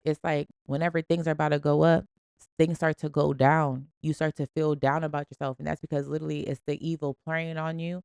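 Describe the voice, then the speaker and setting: Gravelly-voiced woman giving slangy pep talks. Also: low-pitched, little pitch movement, a little fast, a little mellow, dry recording. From Springfield. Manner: emphatic, slangy, preachy pep talk. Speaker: podcast host. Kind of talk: casual motivational monologue.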